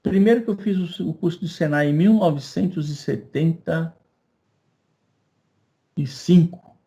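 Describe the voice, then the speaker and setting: A man's voice: on the high side, unhurried, vocal fry, dark tone, lo-fi sound. Older chatty man teaching. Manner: anecdotal, chatty, acts out dialogue. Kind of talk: storytelling in a class lecture.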